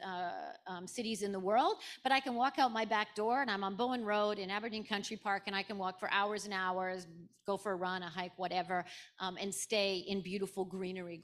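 A woman's voice: medium pitch, a bit bright. A middle-aged woman from Canada, a guest speaker at a conference panel, who lays out her points one by one and keeps checking in with "right?". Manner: explains in numbered points, often adds "right?". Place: large conference room with an audience.

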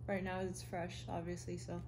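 A woman's voice: lowish voice, monotone, moderate pace, background noise. A young woman reviewing snacks casually with her mouth partly full, hesitant and full of fillers.

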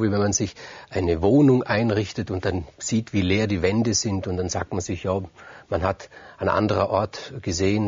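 A storyteller freely retells Greek myths out loud, talking conversationally, repeating words for emphasis, and speaking directly to his listeners. His voice is deep, a little mellow and husky. There's no echo, but the high frequencies are cut off.

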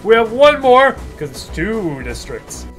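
A man giving excitable, swearing commentary while playing a video game, game music behind him. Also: high-pitched, a little slow. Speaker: gaming video creator.

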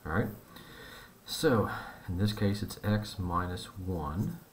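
A man with a very low voice works through a math problem on a board, talking to students in a relaxed, chatty way. His explanation moves step by step. Faint background noise sits under his voice. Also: slow. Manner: relaxed, conversational explaining with fillers. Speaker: math teacher. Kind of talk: whiteboard math lesson.

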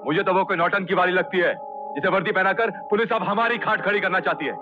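An actor playing a bullying gang boss in an old Hindi film, talking in threats. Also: male voice, sits high, fast, lightly acted. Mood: menacing. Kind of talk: 1990s Hindi film acting. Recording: dull old film soundtrack with music.

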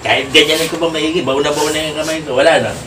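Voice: medium pitch, steady tone, fast. A faith healer questioning a spirit during a healing session, sternly asking the same short questions again and again. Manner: stern, repeated prodding questions. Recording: echoey room, recorded from far off, loud background noise.

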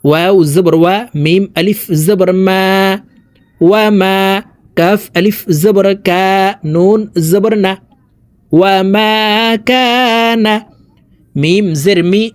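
High, slow Quran reading teacher. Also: male voice, steady tone, a little mellow, dry recording, clean studio sound. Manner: slow, drawn-out syllable-by-syllable spelling with melodic recitation. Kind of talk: spelling out and chanting verses.

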